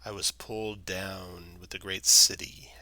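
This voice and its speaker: A man voicing a weary, ancient talking tree in a tabletop game, speaking in slow, grave, halting phrases with a breathy, gravelly voice. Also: deep voice, flat delivery, pushed and bright, heavily acted, poor audio. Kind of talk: tabletop role-play character voice.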